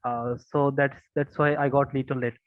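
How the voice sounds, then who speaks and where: Male student, hesitant and flat, thin phone-like sound. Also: mid-range voice, moderate pace, no echo. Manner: hesitant, keeps saying sir. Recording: tinny phone-like line.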